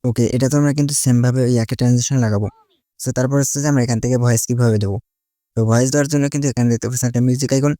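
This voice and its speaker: A tutorial host delivers casual step-by-step instructions rapid-fire, in Bengali sprinkled with English words, repeatedly leaning on connecting phrases. His voice is mid-range, mellow and steady in tone. It's a dry, studio-quality recording.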